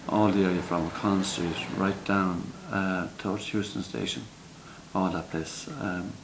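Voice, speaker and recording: A man's voice: low voice, steady tone, unhurried. A man, a builder chatting casually. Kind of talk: casual chat. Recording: clear background noise.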